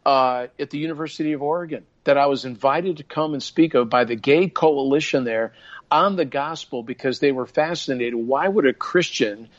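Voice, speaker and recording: An older man appears as a guest minister on a casual podcast, talking earnestly and in a preacherly way with a medium-pitched voice at a moderate pace. He often restarts his sentences, and the recording sounds dull and lo-fi.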